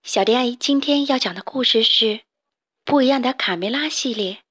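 A woman with a fairly high voice narrates a children's storybook, gentle and expressive. She reads like a kindly aunt telling a story to little ones. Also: normal speed.

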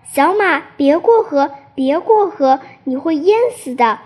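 A woman voicing an excitable little squirrel who shouts urgent warnings. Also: a little high, takes it slowly. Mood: alarmed.

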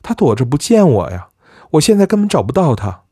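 A man's voice: a little high, very animated, brisk, mellow, breathy edge, no echo, clean studio sound, pitched above the performer's own voice. A man voicing a heartbroken young man who is crying on the phone. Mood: distraught.

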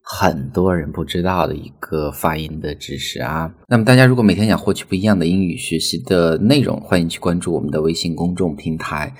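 A man teaching a pronunciation lesson whose first language is Chinese, explaining clearly and repeating example words aloud. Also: low-pitched, fairly quick, few pauses. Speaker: English teacher.

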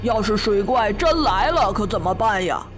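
A woman's voice: medium pitch, lively intonation, a little slow, natural voice. A woman voicing a timid, cautious male doctor in a children's storybook, fretful and jumpy. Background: music.

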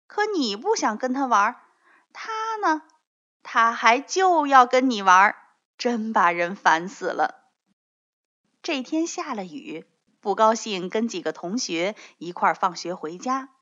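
A woman narrating a children's story in a slow, expressive, animated way. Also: a little high. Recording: dull lo-fi recording.

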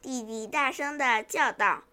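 A woman storyteller gently reading a children's storybook aloud. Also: on the high side, unhurried.

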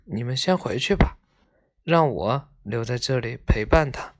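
A man's voice: medium pitch, lively intonation, unhurried, voice pushed down. A man voicing a kind, comforting schoolboy. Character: kind-hearted schoolboy, gentle and reassuring. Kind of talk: reading a children's story aloud.

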